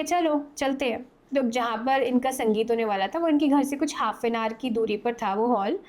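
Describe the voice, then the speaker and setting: A young woman with a high voice narrates a horror tale in relaxed, conversational storytelling. She is animated and slips into the voices of the characters as she goes. The delivery stays informal, as in a chat on a podcast. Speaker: podcast guest telling horror stories. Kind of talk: casual spoken storytelling.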